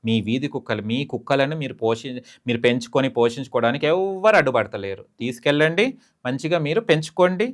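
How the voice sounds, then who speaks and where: A man, a talk-show guest making an emphatic, pleading case and rising in pitch when he urges. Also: animated, a little fast. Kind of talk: heated opinion talk.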